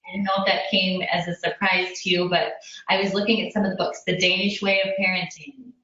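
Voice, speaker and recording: An American woman from Indiana hosts a casual video chat interview for an online parenting community, talking in an effusive, rambling way. Her voice is lowish and level in tone, brisk, pushed and bright. The room is very echoey and the mic sounds distant and muffled.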